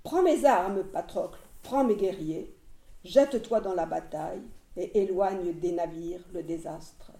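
A woman reading the lines of a proud, wrathful male warrior hero, in a grave, measured way. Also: fairly low pitch, creaky, dark tone. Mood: stern. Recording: roomy echo.

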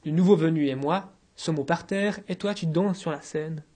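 A man's voice: on the high side, moderate pace, a little mellow, lightly acted. A man voicing an earnest, easily hurt young male friend who speaks reproachfully in an audiobook reading.

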